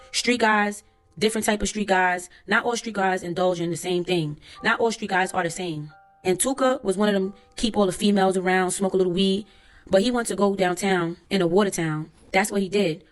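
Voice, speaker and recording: A woman voices a young male witness on the stand, rendered in a plain transcript-reading voice. The delivery stays level at a middle pitch, with casual street slang and faint background music underneath. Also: lightly acted. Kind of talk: transcript read-aloud.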